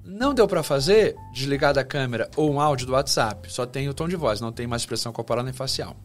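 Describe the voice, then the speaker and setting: A man's voice: mid-range voice, expressive, quick pace, faint music behind. A man from Brazil, a communication professor, explaining points in a podcast interview and acting out short example phrases.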